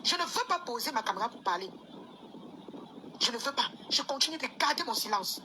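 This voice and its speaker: A woman's voice: a little high, animated, brisk, bright, forceful tone, slight background noise. A woman ranting insistently in a live video, repeating herself as she scolds. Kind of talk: angry live video rant.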